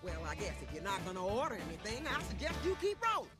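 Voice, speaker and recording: A woman voicing a sassy diner waitress car in an animated video game. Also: medium pitch, fast talker, close to an everyday voice. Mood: sassy, annoyed. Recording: loud music behind the voice.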